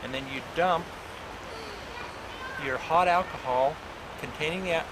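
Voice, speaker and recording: A man's voice: a little high, measured pace. A man on an old VHS home video, explaining a process step by step to a group in a folksy, rambling way, often restarting his sentences. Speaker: teacher of herbal remedies leading a group outdoors. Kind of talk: informal step-by-step spoken instruction. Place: outdoors by a road during a walk. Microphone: camcorder mic at a distance. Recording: hissy old VHS camcorder tape, outdoors. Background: loud outdoor ambience with passing vehicles.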